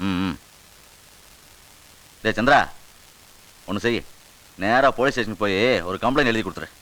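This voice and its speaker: An actor playing a commanding, protective local party boss in a Tamil film drama. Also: male voice, lowish voice, moderate pace, fairly bright tone, close to an everyday voice, rough recording. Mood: reassuring. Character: commanding middle-aged male political patron.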